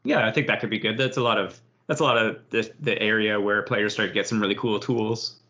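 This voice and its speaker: A man co-hosting a podcast, giving rambling, relaxed advice on running tabletop games. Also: lowish voice, fairly quick. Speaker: podcast co-host and game master. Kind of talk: casual chat. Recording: dull lo-fi podcast audio.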